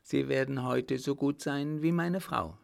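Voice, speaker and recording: A man's voice: mid-range voice, unhurried, creaky, voice pushed up. A male reader voicing a mocking, cruel baron who threatens with a sneering laugh. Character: scheming baron, mocking, cruel, self-assured.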